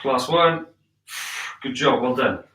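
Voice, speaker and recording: A man's voice: medium pitch, slow pace, pushed and bright. A man in his thirties coaching a workout with barked, motivating short commands, recorded in a living room from a few metres away. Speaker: fitness coach leading a home workout. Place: living room with wooden floor, indoors. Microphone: camera a few metres away. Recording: echoey room, distant from the mic.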